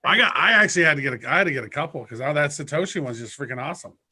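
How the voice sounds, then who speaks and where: A man's voice: on the high side, expressive, rapid-fire, pushed and bright, husky. A man co-hosting a casual live show, talking in an enthusiastic, slangy, informal way. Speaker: co-host of a shopping-style show.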